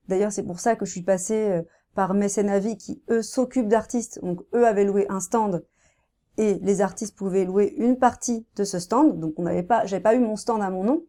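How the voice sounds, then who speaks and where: A woman in her thirties, a painter, talking casually in an interview, soft-spoken and hesitant with many fillers and restarts. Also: mid-range voice. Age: 30s.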